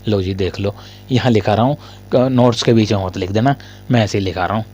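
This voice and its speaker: A male Hindi grammar teacher in a casual lesson. He asks his students questions, answers them himself, and often coughs and clears his throat. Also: on the low side, a little fast, a little mellow.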